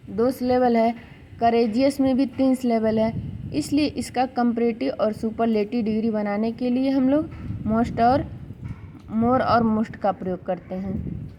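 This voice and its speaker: High-pitched female teacher, patient lesson voice, slight noise under it. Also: steady tone, mellow, low-quality recording. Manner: slow, explanatory, repeats words while correcting herself; sounds out syllables word by word. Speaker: English grammar teacher. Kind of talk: exam-prep video lecture.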